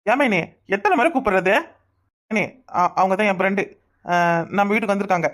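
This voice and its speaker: A woman's voice: medium pitch, brisk, close to an everyday voice. A woman voicing a sheepish young village man in a cartoon, speaking with a Kanyakumari Tamil accent and coaxing, pleading calls. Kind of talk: cartoon voice acting.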